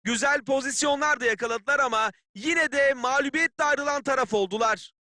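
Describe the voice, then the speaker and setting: An actor playing a keen football play-by-play announcer in a video game, calling the match in clipped phrases. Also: male voice, very high-pitched, a little fast, bright, forceful tone, no echo, clean studio sound. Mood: composed.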